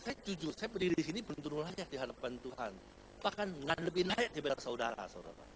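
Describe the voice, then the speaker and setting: A man's voice: on the high side, a little hiss or hum. A middle-aged male pastor from Indonesia telling a personal story in a sermon, calling the congregation brothers and sisters and slipping in English words. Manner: animated storytelling, addresses congregation as saudara, mixes in English words. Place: church hall.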